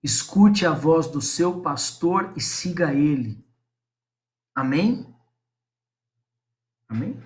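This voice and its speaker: Male pastor, high voice, live-streamed sermon, talks straight to the viewers. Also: expressive, extremely slow, long pauses, a little mellow. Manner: preaching, addresses viewers and congregation directly.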